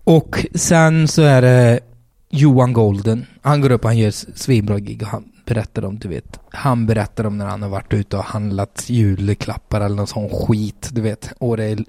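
A man's voice: fairly low pitch, fairly even intonation, warm tone, dry recording. A man, a stand-up comedian telling a story in casual chat, swearing freely and acting out the quotes.

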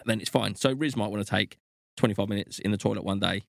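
Fast-talking gravelly young man. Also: fairly low pitch, dry recording, studio quality. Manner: quick, easygoing, teasing. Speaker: podcast co-host. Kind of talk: casual chat.

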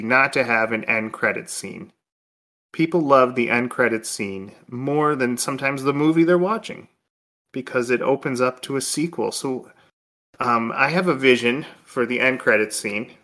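Bright-voiced man chatting casually. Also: medium pitch. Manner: animated storyteller, lots of "like" and "um". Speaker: podcast co-host. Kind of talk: casual chat.

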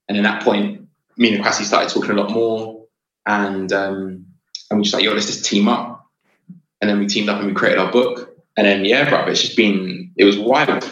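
A man's voice: on the low side, fairly bright tone, a little hiss or hum. A man telling stories casually as a guest, in slangy talk full of "bro" and "like". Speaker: podcast guest, creative. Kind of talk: casual storytelling chat. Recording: echoey room, slightly dull sound.

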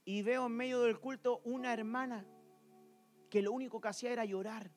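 High-voiced preacher man, animated sermon. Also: fairly quick, faint music behind. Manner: animated storytelling with rhetorical questions to the congregation. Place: church.

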